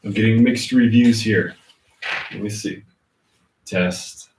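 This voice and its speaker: A man hosting a casual livestream, answering chat comments informally and thinking aloud in a halting way. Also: lowish voice, darkish tone, slight background noise. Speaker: livestream host. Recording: roomy, muffled, distant laptop-like mic.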